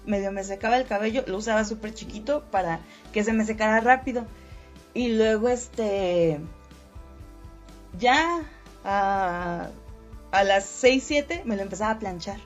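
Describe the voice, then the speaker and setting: High-voiced Mexican woman, crude banter. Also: animated, normal speed. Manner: crude slangy banter with frequent laughing. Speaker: podcast host. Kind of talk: casual podcast chat. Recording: dull lo-fi audio with faint music.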